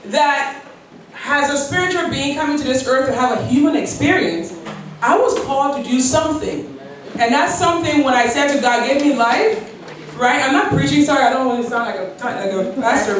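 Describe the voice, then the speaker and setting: In a very echoey hall, heard from a distance over slight background noise, a woman in her forties from Liberia gives a keynote built around her own story. Her voice sits high, and she tells it earnestly, quoting prayers and letting out light laughs.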